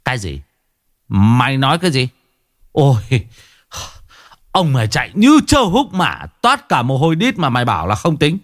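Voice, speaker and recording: A man's voice: mid-range voice, big pitch swings, unhurried, no echo, clean studio sound. A man playing a bellowing hot-tempered old brute. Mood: furious. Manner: boastful, swearing, bellowing.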